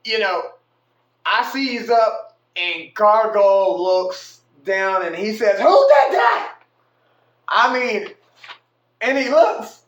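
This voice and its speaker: A man telling a casual story about his own night out, animated and slangy, swearing freely. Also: sits high, takes it slowly, muffled recording. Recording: echoey room.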